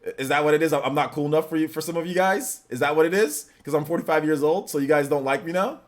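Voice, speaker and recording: A fast talker with a slightly high voice, this streamer in his forties casually reads viewer messages. He keeps the chat laid-back, slangy, and rambling.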